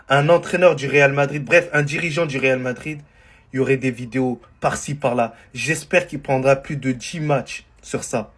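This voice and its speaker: A man's voice: a little high, fairly bright tone. A man in an indignant, scornful rant, piling up insults. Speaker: football commentator.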